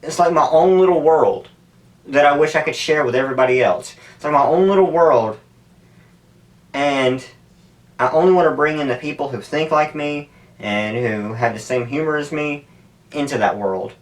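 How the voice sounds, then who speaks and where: A man's voice: a little high, moderate pace. A man talking casually to camera as a YouTuber, candid and profane, wandering from thought to thought. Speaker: YouTuber making stunt videos. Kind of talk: casual rambling talk to camera. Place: indoors at home, sitting in an ice bath. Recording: distant, off-mic camera audio.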